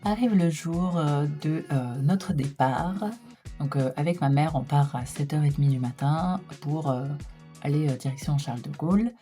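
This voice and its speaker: Young woman, low voice, rambling casual storytime delivery with constant "euh" fillers, faint music underneath. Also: moderate pace, mellow. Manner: chatty, lots of hesitation fillers, laughs while telling. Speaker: vlogger.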